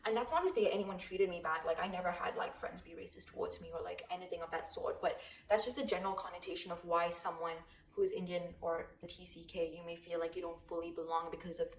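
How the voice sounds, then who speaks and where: A woman's voice: lowish voice, fairly even intonation, quick pace, hardly any pauses, a little hiss or hum. A young woman from Zimbabwe telling her personal story in a casual, reflective vlog, with frequent fillers. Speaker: vlogger. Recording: echoey room with faint ambience.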